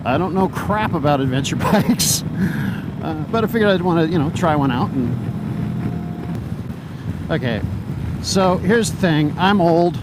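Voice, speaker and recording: A man in his fifties with a fairly high-pitched voice talks casually as he rides a motorbike. He sounds like he is on a helmet intercom, with very loud wind roaring around the mic. His unscripted commentary rambles along and pokes fun at himself. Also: lively intonation, measured pace, pauses often. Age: 50s. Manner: helmet intercom voice, talking while riding. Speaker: motovlogger reviewing a demo motorcycle. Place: outdoors, riding a motorcycle. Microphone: microphone inside motorcycle helmet.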